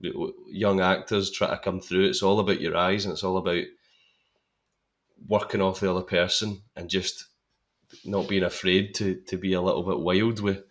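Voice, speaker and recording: A man's voice: sits low, little pitch movement, normal speed. A young adult man, a podcast guest and actor, chatting casually and enthusiastically about a film, often repeating words as he thinks.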